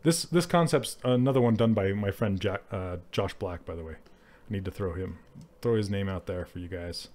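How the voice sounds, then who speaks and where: A man's voice: low-pitched, moderate pace, a little mellow. Chatty man teaching 3D sculpting live. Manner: chatty, laughs often, answers chat while working. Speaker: 3D art instructor streaming live. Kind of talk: casual live-stream tutorial.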